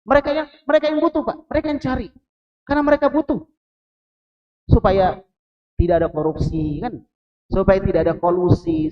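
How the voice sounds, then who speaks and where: A man from Indonesia giving a lively mosque sermon, putting questions to the congregation and joking with them. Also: high-pitched, muffled recording. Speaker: preacher.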